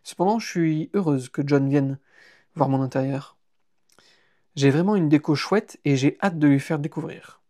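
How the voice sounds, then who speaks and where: A man narrating a humorous novel in the first person on a live stream, lively and playful, stopping for chatty asides to listeners. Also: a little high, normal speed. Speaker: audiobook reader and author.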